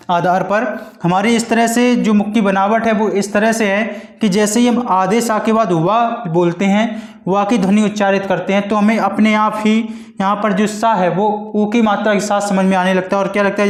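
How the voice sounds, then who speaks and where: A man with a high voice teaches an exam-prep grammar lesson. He explains slowly, repeats each point and checks in with the class often. The sound carries a roomy echo. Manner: slow, repetitive explaining, with frequent "ठीक है" check-ins. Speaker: Hindi teacher.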